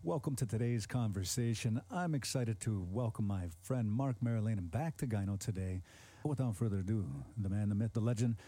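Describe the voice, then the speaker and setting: A man's voice: on the low side, brisk, warm tone. A man hosting a radio show, interviewing a guest in an earnest, rambling way with many fillers.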